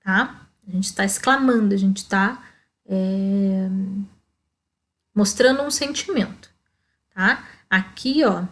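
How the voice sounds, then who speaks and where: A Brazilian teacher with a Brazilian Portuguese accent speaks in a mid-range, slightly bright voice during a primary school lesson. She explains step by step at a slow pace, often using "ó" and checking with "tá?".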